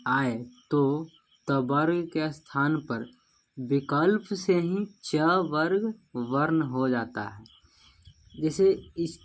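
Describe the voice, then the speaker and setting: A man teaching a grammar lesson, repeating each rule and spelling words out syllable by syllable, often checking in with "okay?". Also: a little high. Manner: repeats rules, asks "ठीक है ना" often.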